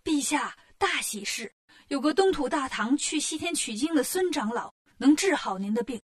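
A woman voicing a deferential male royal messenger in a storybook tale, slow and formal. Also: high-pitched, lively intonation.

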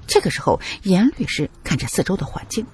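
A man's voice: high voice, very animated, a little fast, a little mellow, a little hiss or hum. A male narrator telling a first-person adventure story in a dramatic, colloquial way.

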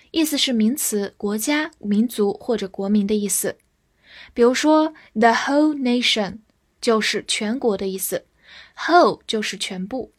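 A young woman teaching English vocabulary, spelling each word out letter by letter and reading example sentences slowly. Her first language is Chinese. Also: a little high. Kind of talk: vocabulary lesson, spelling and slow model reading.

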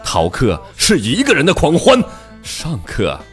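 Northeastern mandarin accent guy cracking jokes, pitch all over the place, faint music behind. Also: huge pitch swings, unhurried. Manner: chatty storyteller with dialect slang. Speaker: stand-up comedian. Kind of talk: comic joke telling.

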